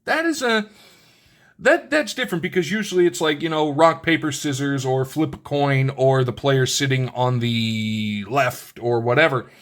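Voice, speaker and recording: Speaking at medium pitch and normal speed with a slightly bright tone, this channel host reviews a card game in a relaxed unboxing. Between hiccups, he reads the rules aloud, lays out the components, and keeps restarting and wandering into asides.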